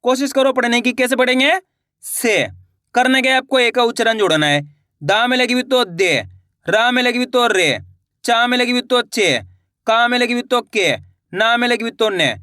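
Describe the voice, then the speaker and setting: A man teaching beginners to read, sounding out syllables slowly one by one and answering his own questions. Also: very high voice, bright, forceful tone, dry recording, clean studio sound. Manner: slow, drilled syllable-by-syllable sounding out; asks the viewer questions, then answers them himself. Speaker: Hindi reading teacher. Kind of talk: online reading lesson for beginners.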